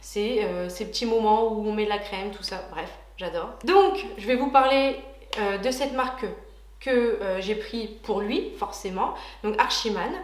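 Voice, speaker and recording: A woman's voice: mid-range voice, a little slow, echoey room. A woman beauty vlogger chatting casually and enthusiastically through a product unboxing, with frequent hesitations.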